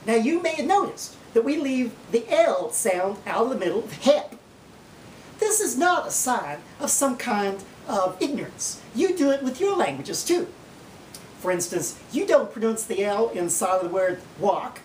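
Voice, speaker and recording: A woman putting on a proud, folksy Oklahoma woman who lectures in an emphatic, drawn-out Okie accent. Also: sing-song, darkish tone. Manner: slow drawn-out drawl, emphatic. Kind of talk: mock lecture on dialect. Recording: roomy, distant mic, faint rumbling noise.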